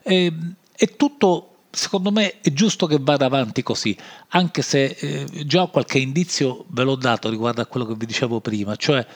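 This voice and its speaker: A man with a nasal voice and a Sicilian accent hosts a solo podcast off the cuff, halting and backtracking as he goes. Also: medium pitch. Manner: halting, rambling, often backtracking. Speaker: podcast host. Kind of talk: improvised solo podcast monologue. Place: home-made podcast recording.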